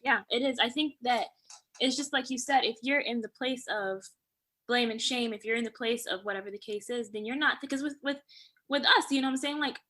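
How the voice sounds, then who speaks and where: A woman's voice: on the high side, fairly quick, pushed and bright. A woman guest on a podcast who talks emphatically and acts out her own inner thoughts as she speaks. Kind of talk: casual podcast conversation.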